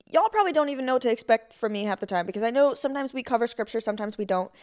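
A young adult woman hosting a casual faith podcast, chatty and excitable, often calling her listeners y'all. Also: a little high, rapid-fire, smooth. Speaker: podcast host.

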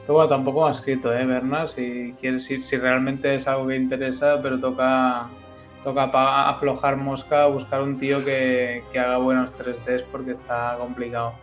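A man of medium pitch speaks informally and colloquially among others, with light music behind him. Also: flat delivery, moderate pace. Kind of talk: casual group chat. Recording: music under the voice.

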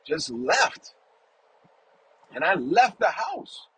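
A man hosts a relaxed faith podcast, speaking extremely slowly in a high, sing-song, slightly rough voice, and the audio is poor. He rambles with affection, speaks warmly and emotionally about family, and repeatedly asks "you know what I'm saying?"

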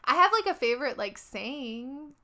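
La woman w chicano accent, higher bright voice, casual chatty, says like a ton. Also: moderate pace. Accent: Chicano American English accent from Los Angeles. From Los Angeles, USA. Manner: animated, uses "like" very often. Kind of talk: casual chat.

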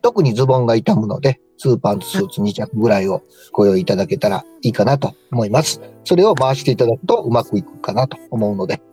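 A man's voice: medium pitch, animated, fast, few pauses, mellow, husky, faint music behind. A man with a Kansai Japanese accent giving a polite, informal explanatory talk as a radio co-host and stylist. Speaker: co-host, stylist and tailor shop manager.

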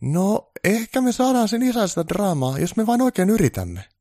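A man's voice: sits high, very animated, dark tone, no echo, studio quality, pitched above the performer's own voice. A man voicing an eager, fawning male supervisor who speaks politely and keenly.

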